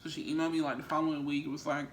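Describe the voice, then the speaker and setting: Racing along in a deep, flat voice, this vlogger and small business owner rambles conversationally to her viewers, mukbang style. There's a roomy echo on the recording and faint noise in the background.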